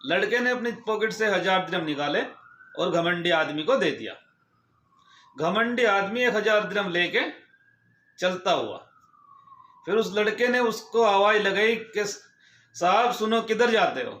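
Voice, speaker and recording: High-voiced man telling a moral story. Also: lively intonation, unhurried, long pauses, bright, forceful tone. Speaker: storyteller vlogger. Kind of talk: casual moral story narration. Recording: echoey room.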